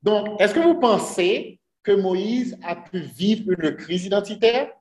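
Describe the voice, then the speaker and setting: A man with a high-pitched, slightly mellow voice speaks slowly as he delivers a sermon to his congregation. He is earnest and frequently poses rhetorical questions, and the church sanctuary around him echoes.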